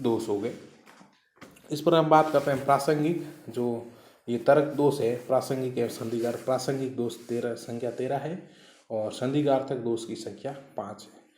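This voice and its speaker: A man teaching a college class, explaining step by step with repeated examples and drawn-out key words. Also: mid-range voice. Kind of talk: recorded classroom lecture. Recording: echoey room on a phone recorder.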